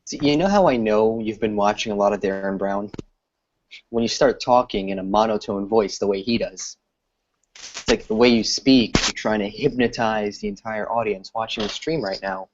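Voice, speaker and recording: A man's voice: fairly low pitch, normal speed, slight background noise. A man co-hosting a casual live stream, chatty and teasing toward the host. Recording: dull lo-fi stream audio.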